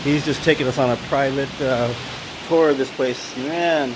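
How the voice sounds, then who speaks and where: A man filming a walking tour vlog on a phone outdoors, excited and exclaiming often. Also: mid-range voice, moderate pace, background noise. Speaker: travel vlogger. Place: outdoors at ruins by a waterfall.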